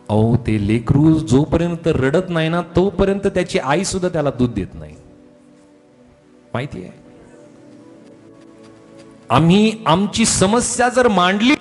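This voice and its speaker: A man preaching a sermon as pastor, often calling out hallelujah and swinging between loud calls and quiet asides. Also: sits high, long reverb tail. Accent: Marathi. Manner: repeats hallelujah, swings from shouts to soft asides. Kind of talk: Marathi sermon.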